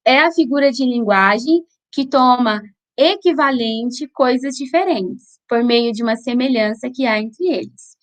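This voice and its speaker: A woman with a high, light voice and a Brazilian Portuguese accent teaches an online review class. She explains things patiently, often checking in with her students. She sometimes slows right down to sound out syllables one by one.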